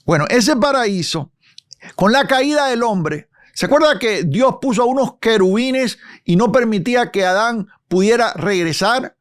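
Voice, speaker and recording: A man, a pastor, teaching a live Bible study lesson, unhurried, full of hesitation fillers and self-corrections, speaking directly and formally to his viewers. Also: high-pitched, expressive.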